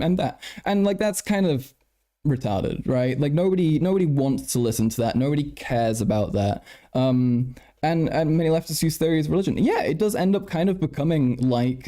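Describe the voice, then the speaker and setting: This man is a live streamer whose voice sits in the mid range with a dark tone. It's late at night and he sounds worn out, chatting loosely with his audience, tripping over words, repeating himself and cursing as he responds to chat.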